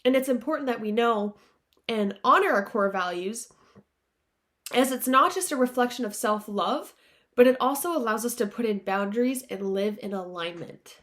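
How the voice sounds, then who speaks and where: Nasal, congested woman with a higher voice. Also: lively intonation, moderate pace, a bit bright. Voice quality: nasal, congested, as if pinching her nose. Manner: earnest, informal direct address to listeners. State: stuffy nose from allergies. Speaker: podcast host. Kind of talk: motivational self-help podcast talk.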